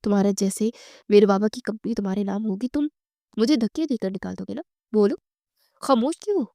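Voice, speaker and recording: A woman's voice: mid-range voice, warm tone, no echo, clean studio sound, natural voice. A woman voicing a young wife who is hurt, angry and defiant, in a raised, pleading tone. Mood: hurt, accusing.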